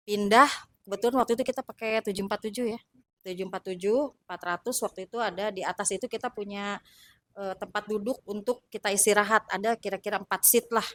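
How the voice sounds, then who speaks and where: A woman recounting her time as a flight attendant in a casual, halting way with many fillers. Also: medium pitch, fairly bright tone. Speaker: former flight attendant guest. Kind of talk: casual storytelling.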